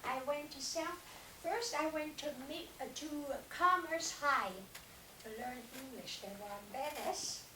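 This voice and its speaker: A woman's voice: high voice, a little slow. An elderly woman from Germany, whose first language is German, speaking earnestly and directly to a school class in a room, with no microphone. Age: older. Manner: earnest, direct, urges listeners. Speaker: Holocaust survivor speaking to students. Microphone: no mic, recorded from across the room. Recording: roomy, distant, faint hiss.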